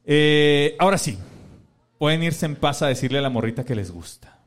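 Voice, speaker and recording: A man's voice: mid-range voice, animated. Mexican man reading thank-yous on a podcast. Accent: Mexican Spanish. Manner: reads fan names in a drawn-out list. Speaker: podcast co-host. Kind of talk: casual podcast sign-off.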